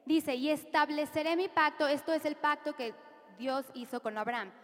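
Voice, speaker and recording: A woman's voice: high-pitched, steady tone, moderate pace. A woman preacher with a Latin American Spanish accent, leading the congregation in repeated declarations during a sermon. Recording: reverberant church hall with music. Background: music.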